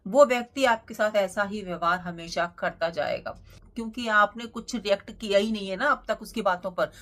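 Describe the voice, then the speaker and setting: A woman's voice: medium pitch, normal speed, fairly bright tone. A woman, hosting a motivational talk and giving earnest advice with many rhetorical questions. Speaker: motivational channel host.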